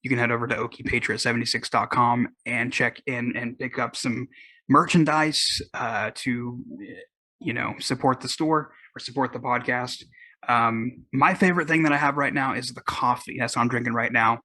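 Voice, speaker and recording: A man's voice: mid-range voice, fairly even intonation, moderate pace, sharp tone, no echo. A man with a Southern US accent hosting his own podcast, rambling casually with many restarts and fillers. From Oklahoma. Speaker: podcast host. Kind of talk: casual solo podcast talk.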